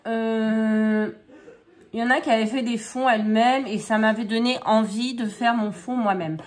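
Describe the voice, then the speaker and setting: A woman's voice: a little high, steady tone, normal speed. A woman chatting casually as she demonstrates scrapbooking at her craft table at home, improvising and often hesitating. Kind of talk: casual craft tutorial chat.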